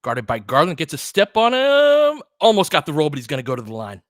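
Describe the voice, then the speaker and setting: A man hosts a basketball stream, mixing casual play-by-play with chat in a conversational, slangy style of clipped phrases. His voice is on the high side with big pitch swings and a fairly quick pace, recorded at studio quality with no room sound.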